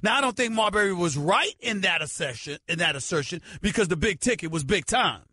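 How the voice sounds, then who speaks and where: A man's voice: high voice, expressive, a little fast, pushed and bright, husky, no echo. A middle-aged man hosting a sports talk radio show, arguing his points with emphatic, preacherly repetition. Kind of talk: sports talk radio commentary and host-read ad.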